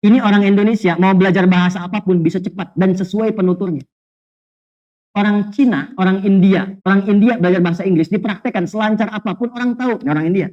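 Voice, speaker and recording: A man preaching a lively sermon to a congregation, telling humorous stories, asking rhetorical questions, and weaving in Arabic phrases. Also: high voice, fast. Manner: animated storytelling with jokes and rhetorical questions. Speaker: Islamic preacher. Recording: dull lo-fi sound.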